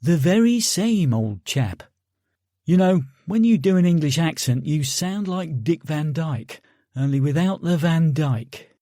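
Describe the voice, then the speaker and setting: A man's voice: a little high, measured pace, mellow, no echo, studio quality, lightly acted. A man voicing a brash, mocking American sergeant in an audiobook, talking in cocky, needling banter. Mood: taunting.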